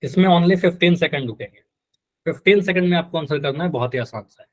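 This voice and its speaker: A man's voice: on the high side, quick pace. A man teaching a live online math class, patient and repetitive, often quizzing his students. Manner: patient, repeats key terms and quizzes students.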